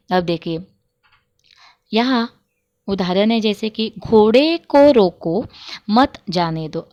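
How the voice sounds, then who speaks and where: Slow, deliberate teacher woman. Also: medium pitch. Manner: slow, deliberate explaining with repeated examples. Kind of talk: grammar lesson.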